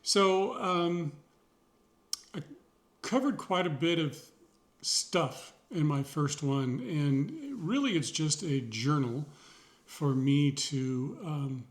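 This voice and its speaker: Middle-aged guy rambling in his video diary, lots of ums, kinda high voice for a man. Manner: rambling, pausing, many fillers; sincere, reflective, wry. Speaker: vlogger. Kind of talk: casual personal video journal.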